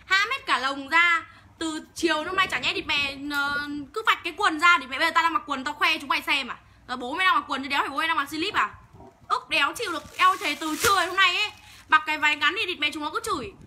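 A young woman sells clothes on a livestream, swinging between quick sales patter and profane, angry ranting. Her voice is high and piercingly bright, and she talks fast. Faint room noise sits behind her. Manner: rapid sales patter calling out buyers' names. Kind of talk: livestream selling, ranting at viewers.

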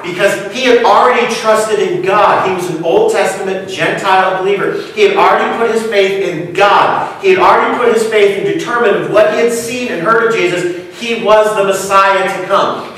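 A pastor preaches in a casual, joking way, checking in with his listeners through rhetorical questions. His voice sits high for a man. He is heard from a distance in a very echoey church room. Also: fairly bright tone, a little hiss or hum. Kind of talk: sermon. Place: church sanctuary.

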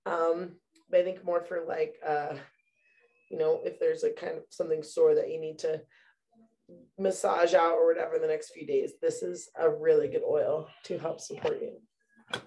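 Her voice low-pitched and mellow, level in tone and normal in speed, a young adult or middle-aged mother casually presents essential oil products in her home bathroom. She chats with many fillers and says "you guys" to viewers. The recording is low quality.

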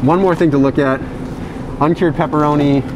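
A man talking through a face mask, casually reviewing frozen food in a supermarket aisle, animated and quick with asides. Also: a little high. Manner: animated, reads out ingredient lists with quick asides. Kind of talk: casual walkthrough vlog. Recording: noisy store background.

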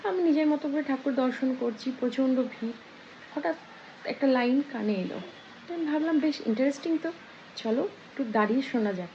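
A woman vlogger casually retelling a folk tale, lively, acting out the characters' lines. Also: high voice. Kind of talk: casual storytelling. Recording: dull lo-fi sound with faint noise.

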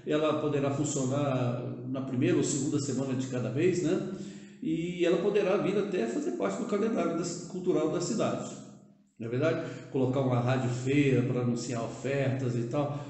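A man's voice: on the high side, moderate pace, mellow. An older Brazilian man seated at a table speaks casually to the camera, proposing a local project with many "né?" tags and hesitant restarts. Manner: conversational, with frequent "né?" tags and hesitations. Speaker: vlogger proposing a civic project. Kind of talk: casual direct-to-camera talk. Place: indoor room, seated at a table. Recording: echoey room.

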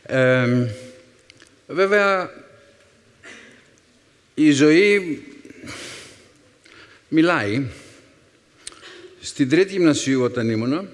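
A man in his fifties, a teacher, telling wry personal stories with thoughtful pauses to a young audience. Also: on the high side. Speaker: secondary school philology teacher and speaker. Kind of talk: storytelling talk to a young audience. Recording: reverberant hall.

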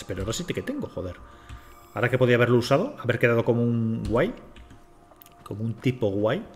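A man from Spain, swearing and talking to himself as he streams a game. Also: medium pitch. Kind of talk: casual live gameplay commentary.

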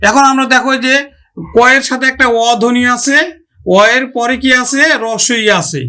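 A man's voice: very high voice, flat delivery, normal speed, pushed and bright. A male teacher giving a grammar lesson, addressing students with questions and sounding out example words syllable by syllable.

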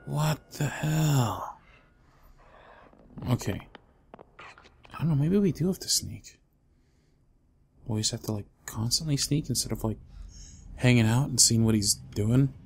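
A young adult man commentating a horror game, dropping to whispers and breaking into loud panicked yelps. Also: medium pitch, moderate pace, gravelly, long pauses, a little hiss or hum. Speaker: gamer. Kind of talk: let's play commentary.

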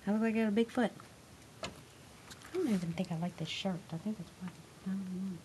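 A woman's voice: medium pitch, fairly quick, warm tone, a little hiss or hum. A woman in her thirties, a mother getting dressed in her bedroom closet, complaining and swearing while her child films her on a handheld camera. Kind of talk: casual home video chat. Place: small bedroom closet at home, indoors. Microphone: handheld camera filmed by her child.

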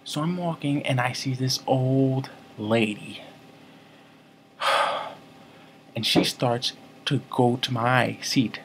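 A man's voice: medium pitch, fairly even intonation, slow pace, pauses often, fairly bright tone, a little hiss or hum. A man telling a story to camera in a comic vlog, rambling, mock-serious and constantly correcting himself. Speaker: comedy vlogger.

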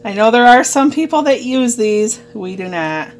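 A woman's voice: a little high, lively intonation, normal speed, faint music behind. A woman talking casually at home as a homeschooling mother, giving plain, matter-of-fact instructions.

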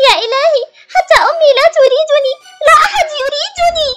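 A woman voicing a lonely schoolgirl doll who feels unloved, in a high, pleading voice. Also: fast, a bit bright, soft background music. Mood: sad. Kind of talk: toy doll drama voicing.

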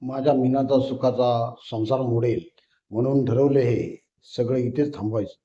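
A man's voice: mid-range voice, fairly even intonation, moderate pace, warm tone. A man narrating a story aloud in a woman's first person, reading steadily. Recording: roomy, dull lo-fi recording.

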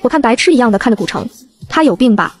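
A woman narrating a first-person novel as an audiobook reader, in a brisk storytelling manner. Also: a little high, sing-song.

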